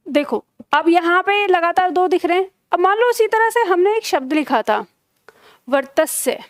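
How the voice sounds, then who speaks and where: Young woman teacher, high pitched, slow and patient, keeps asking if you got it. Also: lively intonation, dry recording, clean studio sound. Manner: patient, repeats key terms slowly, checks "theek hai?". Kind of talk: live online grammar class.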